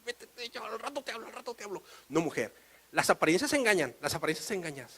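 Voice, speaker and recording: A man's voice: sits high, very animated, fast talker, a crowd in the background, voice pushed up. A man doing a whiny cheating husband. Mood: evasive. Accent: Mexican Spanish. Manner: whining, pleading.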